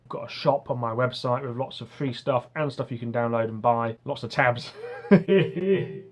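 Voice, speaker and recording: A man's voice: medium pitch, flat delivery, fairly quick. Man who says w for r, chatting earnestly. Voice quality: soft R sounds, says w for r. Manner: earnest, rambling, enthusiastic. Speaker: guitarist and online music teacher. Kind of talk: casual talk to camera.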